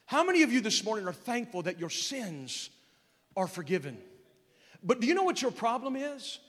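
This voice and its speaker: Man, pastor, high voice, sermon to kids, call-and-response questions, loud emphatic peaks, long hall echo. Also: very animated, normal speed.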